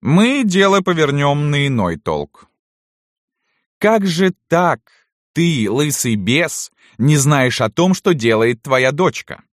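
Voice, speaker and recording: A man's voice: on the high side, sing-song, slow, dry recording, clean studio sound, voice pushed up. A man putting on a cruel, sneering noblewoman widow. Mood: taunting. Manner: taunting, sneering, sing-song mockery. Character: cruel mocking noblewoman, middle-aged widow landowner.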